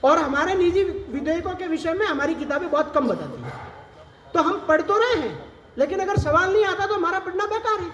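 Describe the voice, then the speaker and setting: A man with a very high-pitched voice talks straight to an audience of exam aspirants, explaining step by step and putting rhetorical questions to them. He speaks into a microphone in a large hall, and the sound rings with a long, echoey reverb over faint background noise. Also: expressive, fairly quick, fairly bright tone. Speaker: civil service officer advising exam aspirants. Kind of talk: advice talk to an audience.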